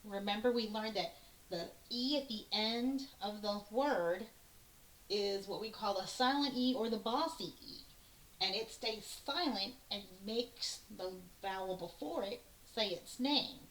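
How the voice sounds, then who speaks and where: A woman teacher giving a phonics lesson to young children, slowly and patiently sounding out words letter by letter. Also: mid-range voice. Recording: echoey room with faint hiss.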